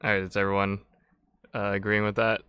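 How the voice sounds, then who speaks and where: A man's voice: on the low side, monotone, fairly quick, pushed and bright, clean tone, dry recording. A man running a tabletop game as game master, recapping and narrating in a loose, meandering way.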